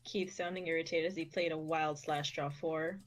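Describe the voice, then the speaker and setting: A young woman reads the narration of an amateur fan fiction, keeping a steady pace and expressive phrasing. Her voice sits a little low for a woman. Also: moderate pace. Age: young adult.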